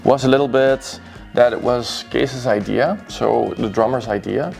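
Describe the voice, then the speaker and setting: A man sits in a record store sharing his favorite albums. His voice sits in an ordinary middle range, and he talks slowly and reflectively, full of small fillers. Faint music plays in the background. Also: mid-range voice, steady tone, gravelly, a little mellow. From Belgium. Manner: thoughtful, rambling with fillers. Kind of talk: casual chat about favorite records.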